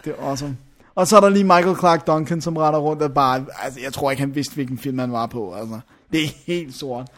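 A young man with a slightly high, somewhat bright voice chats casually about a film as a reviewer. He rambles, searches for names, and fills the gaps with hesitations.

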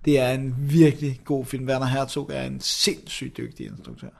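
A man's voice: mid-range voice, little pitch movement, creaky, a little mellow. A man co-hosting a casual film review show, talking enthusiastically with lots of hesitations. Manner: enthusiastic, many fillers and restarts. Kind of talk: casual chat reviewing films.

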